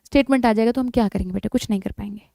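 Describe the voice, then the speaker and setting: A woman's voice: on the high side, rapid-fire, vocal fry, warm tone, no room sound, studio quality. A woman teaching an exam revision lesson in biology, emphatic and coaxing, often calling her students "beta".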